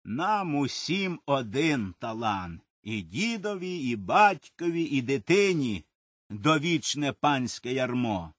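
A man's voice: sing-song, slow pace, dry recording, clean studio sound. A man voicing a faint, weak peasant mother. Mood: weak, bitter. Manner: faint, bitter, low.

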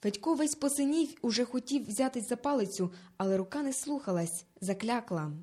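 A woman reads a children's story aloud with lively, dramatic storytelling. Her voice sits a little high for a woman. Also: fairly quick. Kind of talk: expressive storybook narration.

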